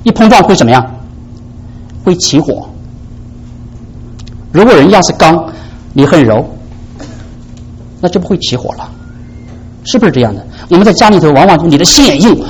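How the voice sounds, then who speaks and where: Male pastor, husky tone, high-ish voice, sermon with rhetorical questions to the pews. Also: poor audio. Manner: preaching with rhetorical questions to the congregation; swings between soft low asides and high emphatic peaks.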